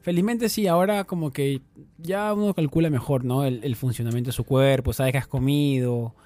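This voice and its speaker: A man's voice: mid-range voice, normal speed, dark tone, no room sound. A man co-hosting a casual chat, teasing and quizzing his partner with short interjections. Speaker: podcast co-host.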